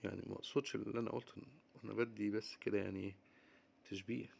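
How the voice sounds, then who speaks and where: An Egyptian man with an Egyptian accent teaches English words. He says each term slowly, then explains it quickly in Arabic. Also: fairly low pitch, level tone, creaky, a little mellow, husky. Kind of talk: vocabulary lesson mixing English and Arabic.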